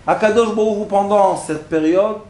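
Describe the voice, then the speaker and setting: A man teaching a religious lesson to an audience, acting out little everyday scenes with animated, laughing delivery. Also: high voice, normal speed, reverberant. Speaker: rabbi teaching a class. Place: classroom.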